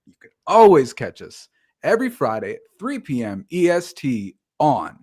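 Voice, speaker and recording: A man in his mid-thirties hosting a casual talk show, upbeat and quick to laugh. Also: mid-range voice, very animated, a little mellow. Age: 30s. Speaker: podcast host. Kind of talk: casual chat.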